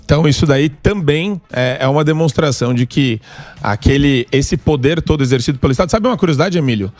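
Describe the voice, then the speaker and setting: A man's voice: fairly high pitch, lively intonation, fast, darkish tone, dry recording, soft background music. A man explaining politics at length on a casual panel show, in a lecturing way.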